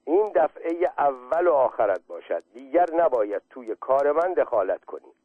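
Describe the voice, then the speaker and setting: A man's voice: mid-range voice, dry recording, natural voice. A man reading aloud and voicing Mirza, an irritable male shopkeeper who talks curtly and grumbles, over a phone-like line. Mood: angry. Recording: tinny phone-like line, dry.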